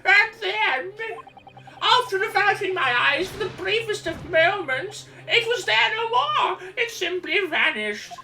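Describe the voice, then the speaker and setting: A woman voicing an eccentric, fretful old man in a video game, with drawn-out, archaic, theatrical delivery. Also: very high voice, very animated, vocal fry, bright, forceful tone, distant mic, faint music behind, pitched above the performer's own voice, exaggerated voice, low-quality recording. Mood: plaintive, theatrical. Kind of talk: video game character dub.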